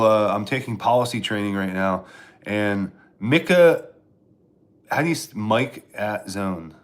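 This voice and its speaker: Answering chat during a casual live stream, a Pennsylvania stand-up comic rambles with sarcasm and keeps restarting. He speaks at a fairly low pitch.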